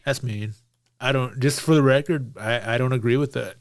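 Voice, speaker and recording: A man's voice: medium pitch, moderate pace, no room sound, clean studio sound. A man co-hosting a casual podcast, teasing and joking as he interjects in the banter. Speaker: podcast co-host.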